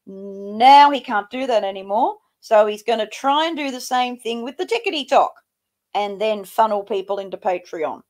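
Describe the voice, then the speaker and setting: A woman's voice: on the high side, expressive, moderate pace, darkish tone. A woman giving sarcastic reaction commentary, with a mocking, scolding way of talking. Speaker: host of a reaction show.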